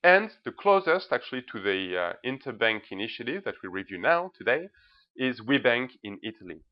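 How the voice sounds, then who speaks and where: A medium-pitched man, very animated and a little fast, gives an informal screencast-style presentation as a blogger reviewing banks' social media. He speaks emphatically, often checking in with short tag words, on a slightly dull, lo-fi recording.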